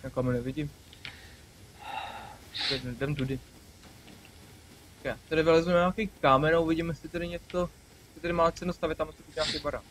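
A young man hosting a gaming video, chatting casually and excitedly with a friend, swearing and laughing often. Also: fairly high pitch, long pauses, slight background noise, rough recording. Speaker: gaming channel host. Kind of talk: casual let's-play banter.

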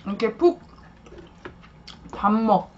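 Taking it slowly, a young adult woman chats on a mukbang live stream while she eats at a table in a small indoor room. She thanks viewers and murmurs between bites in an expressive mid-range voice, heard through dull lo-fi audio with a faint hiss of noise.

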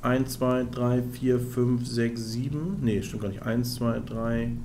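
A man's voice: mid-range voice, steady tone, slow, darkish tone, a little hiss or hum. A man streaming a strategy game, thinking aloud, counting under his breath and chatting to his viewers. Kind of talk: casual live-stream gameplay commentary.

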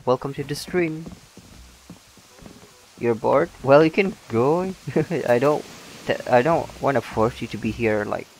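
On a game stream, a slow-talking young Indonesian man with a mid-range voice reads out viewer comments in casual, chatty fashion. His speech is halting, with many restarts and laughs, and he's turned away from his shotgun mic; faint game music and a little hiss or hum sit in the background.

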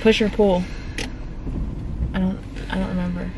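A young woman talks to her handheld camera in a loose, rambling way, scattering "like" through her sentences. Her voice sits at an ordinary middle pitch. Steady car and outdoor noise runs under her the whole time. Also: normal speed. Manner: rambling, many "like" fillers. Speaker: vlogger. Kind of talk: casual vlog chat to camera. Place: inside a car and outdoors at a campground. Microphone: handheld camera at arm's length. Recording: noisy car and outdoor ambience.

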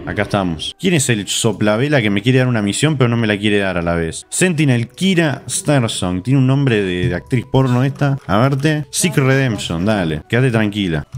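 A man's voice: mid-range voice, animated. A man with an Argentine accent giving live commentary on his gameplay, joking, swearing freely and often talking straight to his viewers. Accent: Argentine Spanish. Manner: crude, joking, quick to swear and laugh; chatty, often addresses viewers directly. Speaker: gaming streamer.

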